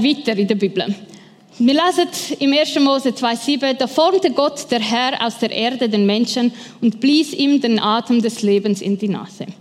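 A woman with a Swiss German accent preaching a sermon in a lively, playful way, acting out inner voices. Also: a little high. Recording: long hall reverb.

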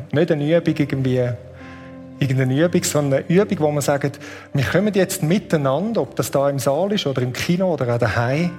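A man preaching, earnest and conversational, slowing down on key points. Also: a little high, a little mellow. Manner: leads a guided meditation. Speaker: pastor. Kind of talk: sermon.

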